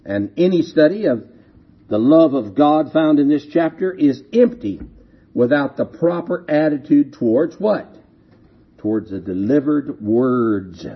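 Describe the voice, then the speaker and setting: A man preaching slowly and deliberately, his voice rising and falling widely as he stresses each point. His tone is somewhat husky, and the recording sounds dull and lo-fi. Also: a little high. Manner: slow, emphatic, repeats key phrases and asks rhetorical questions. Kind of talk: sermon.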